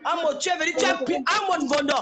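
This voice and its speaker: Heated woman ranting at high pitch. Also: fast, a loud crowd. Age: 40s. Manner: confrontational, insulting, heated. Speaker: social media personality. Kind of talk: live-stream rant.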